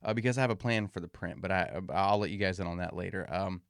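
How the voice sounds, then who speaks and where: A man with a fairly deep, resonant voice hosts a podcast on his own. He talks casually and folksily straight to his listeners, with a slightly muffled edge from a swollen mouth. The recording is dry and close. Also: fast talker, gravelly, clean tone, dry recording. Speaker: podcast host.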